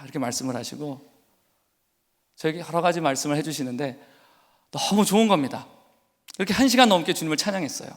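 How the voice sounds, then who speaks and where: A man preaching a sermon as pastor, telling an emotional personal testimony and rising into fervent exhortation. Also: a little high. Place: church sanctuary. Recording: long church hall reverb.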